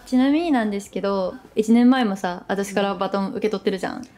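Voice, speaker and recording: A woman's voice: mid-range voice, fast, warm tone, slight background noise. A woman chatting casually while interviewing a guest. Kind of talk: casual chat.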